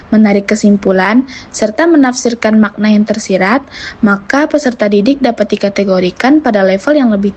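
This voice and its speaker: A woman reading a scripted educational explanation in a husky voice. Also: fairly high pitch, darkish tone. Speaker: narrator. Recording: slightly dull, lo-fi voice-over.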